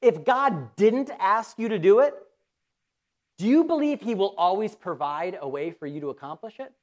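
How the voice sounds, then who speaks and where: A woman's voice: medium pitch, animated, normal speed, a little mellow. A woman pastor giving a conversational sermon, asking her listeners questions and acting out quoted voices. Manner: conversational, asks the audience questions.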